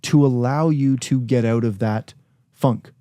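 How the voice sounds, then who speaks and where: A man's voice: medium pitch, unhurried, warm tone, clean tone, dry recording, clean studio sound. A man co-hosting a casual podcast with his wife, blunt, plainspoken and self-deprecating. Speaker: podcast co-host.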